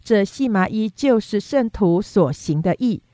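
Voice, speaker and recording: A woman reading scripture aloud in a steady, measured, unhurried way. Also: medium pitch, dry recording. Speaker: scripture reader.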